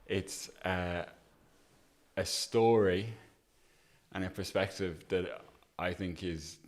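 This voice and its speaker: A man's voice: low voice, slow pace. A man hosting a casual interview, talking in an informal, discursive way and checking that he is being followed. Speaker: podcast host.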